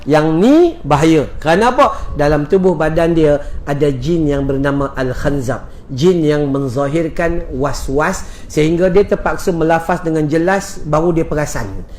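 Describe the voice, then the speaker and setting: A man with a Malaysian Malay accent, a religious teacher answering questions in a lively, joking lecture, explaining step by step. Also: fairly high pitch, moderate pace.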